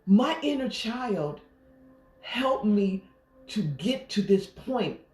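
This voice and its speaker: A woman life coach giving a gentle, reflective affirmation talk, pausing often. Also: mid-range voice, sing-song, soft background music. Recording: roomy echo.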